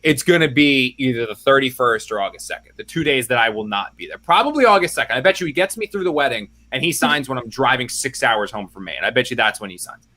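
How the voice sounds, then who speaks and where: A man with a bright, forceful voice talks through a casual podcast chat as a football reporter. He rambles, restarts his sentences and drops joking asides as he goes. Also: mid-range voice, animated, fast talker.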